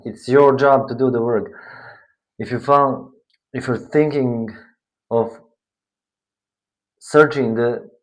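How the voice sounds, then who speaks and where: A man giving a spiritual tarot reading, slow and meandering, often searching for his words. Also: mid-range voice, rough recording. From Bosnia. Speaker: tarot reader.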